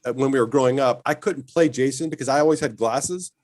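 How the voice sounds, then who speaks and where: A man telling lively stories as a guest in a casual chat, often laughing as he talks. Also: medium pitch, quick pace, no room sound. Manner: animated storyteller, laughs while telling stories.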